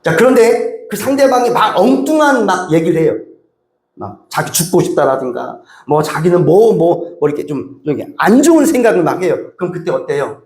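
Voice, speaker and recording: A man's voice: high voice, big pitch swings, fairly quick, a little mellow. A male pastor preaching a sermon in a church, speaking emphatically and asking the congregation many rhetorical questions. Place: church sanctuary. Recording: roomy church echo.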